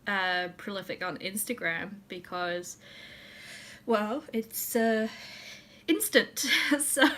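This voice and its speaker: A woman's voice: medium pitch, sharp tone. A young woman with a New Zealand accent chatting casually as a vlogger, giggly and a little tipsy, laughing often and swearing freely. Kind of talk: casual chat.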